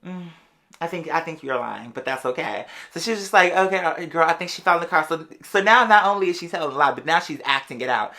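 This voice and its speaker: Speaking in a mid-range voice, a podcast host tells a personal story to her audience in a casual, animated, sassy style. She's full of slang, stretches out words for emphasis, and calls listeners "girl."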